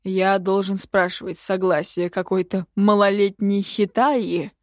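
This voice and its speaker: A woman voicing a domineering, cruel male emperor who gives slow, loud, imperious commands. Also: medium pitch, flat delivery, no echo, studio quality.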